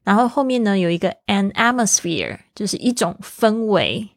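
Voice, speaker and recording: A woman whose first language is Mandarin hosts a casual podcast English lesson, explaining things at a chatty pace and slowly repeating phrases for listeners to practice. Her mid-range voice is sing-song, and the recording is dry and studio quality.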